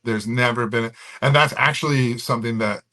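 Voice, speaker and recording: A man's voice: medium pitch, fairly even intonation, normal speed, sharp tone. A man talking casually in a podcast conversation, rambling with many restarts. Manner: rambling, many fillers and restarts, drops into comic voices. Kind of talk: casual chat.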